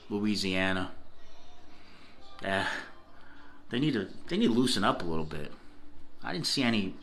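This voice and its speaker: A man's voice: lowish voice, bright, forceful tone. A middle-aged man from Cleveland, Ohio telling a bar story in a casual, chatty way, often laughing and checking in with "okay?". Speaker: food reviewer telling a story.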